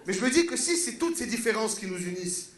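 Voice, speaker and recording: A young man with a Quebec French accent doing an animated, slangy stand-up routine on stage. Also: high voice, fast talker, roomy sound. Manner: animated, slangy, many voices. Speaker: stand-up comedian. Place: comedy stage.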